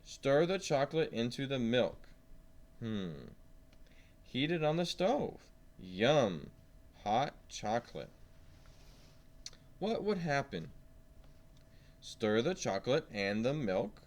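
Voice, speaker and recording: With a medium-pitched, sing-song voice, a man reads a science lesson aloud to young children, taking it slowly with long pauses. He stresses important words and asks simple questions and prompts as he goes.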